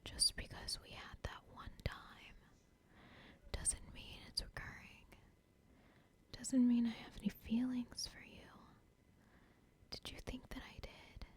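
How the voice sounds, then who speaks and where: A woman whispers throughout an ASMR roleplay, playing a cold, controlling female cartel boss who speaks in a menacing, dismissive way. Her voice is a little high and monotone, and she takes it slowly, pausing often.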